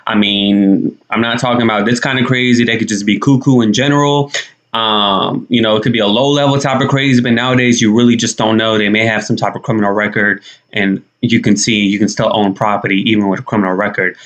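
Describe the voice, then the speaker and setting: A man's voice: on the low side, steady tone, fairly quick, fairly bright tone. A young man giving casual news commentary to camera in a conversational, slangy way. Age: young adult. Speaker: YouTube commentator. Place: small indoor room.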